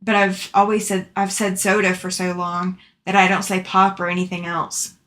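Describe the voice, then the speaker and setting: Casting: woman, mid-pitched voice, affectionate and chatty, informal livestream host replying to comments. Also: flat delivery, moderate pace, a bit bright. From Alabama, southern US. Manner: chatty, affectionate with viewers, laughs often. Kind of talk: casual chat, reading out and answering live comments.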